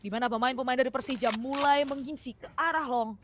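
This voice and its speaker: High-voiced Indonesian woman casting esports. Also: quick pace, background noise. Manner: mixes English gaming terms into speech. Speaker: esports play-by-play commentator. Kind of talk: esports match commentary.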